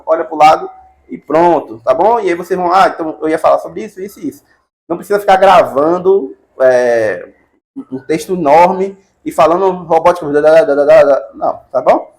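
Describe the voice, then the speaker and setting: A middle-aged Brazilian man teaching casually, chatty and encouraging, often adding "né" and "tá bom". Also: fairly high pitch. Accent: Brazilian Portuguese. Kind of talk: casual advice lesson.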